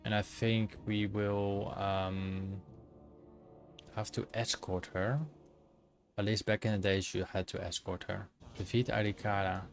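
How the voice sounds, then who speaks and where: The voice is gravelly and fairly low, with little pitch movement and an unhurried pace. A Dutch man gives casual commentary to viewers while gaming, thinking aloud with many fillers and restarts, and soft music plays in the background.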